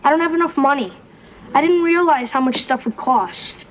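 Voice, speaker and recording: An awkward teenage boy rambles through excuses. His voice sits high and unbroken. A clear hiss runs under this old TV recording. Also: normal speed, fairly bright tone, rough recording. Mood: sheepish. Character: sheepish teenage boy short on money. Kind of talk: sitcom acting.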